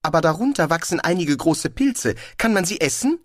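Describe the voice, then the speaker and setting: Reading an audiobook, a man voices a naive, trusting male tourist who asks eager, wide-eyed questions. He pitches the character fairly high, above his own natural voice, with big pitch swings at a moderate pace. The recording is clean studio sound with no echo.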